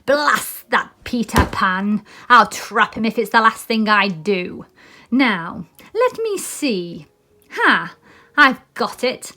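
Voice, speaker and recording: A woman voicing a scheming male pirate captain with a theatrical, menacing, drawn-out delivery in a storybook. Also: mid-range voice, pushed and bright.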